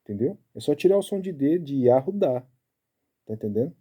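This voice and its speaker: A man giving a casual Bible study, explaining step by step and tagging his sentences with quick checks to the listener. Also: fairly high pitch, animated, mellow, breathy edge. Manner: chatty, keeps tagging lines with "né?"; explaining Hebrew letters and pronunciation step by step.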